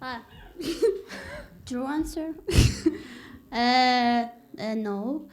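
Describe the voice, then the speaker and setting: A woman's voice: high-pitched, very slow, a little mellow. A woman hosts the event between talks, giggly and hesitant. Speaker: event host. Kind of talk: casual hosting between talks.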